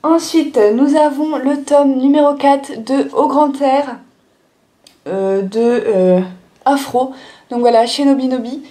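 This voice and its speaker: A young woman with a high but mellow voice, talking through her manga haul in a loose, chatty way. She pads her sentences with little fillers and restarts as she goes. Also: steady tone, takes it slowly. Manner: chatty, lots of "euh" and "du coup" fillers. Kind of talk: casual haul video chat.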